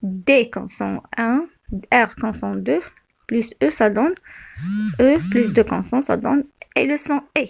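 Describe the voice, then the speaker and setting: A woman teacher, explaining spelling slowly, with frequent fillers and self-corrections. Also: a little high, gravelly, husky. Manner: slow, halting, many fillers and self-corrections. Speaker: French teacher. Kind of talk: spelling lesson.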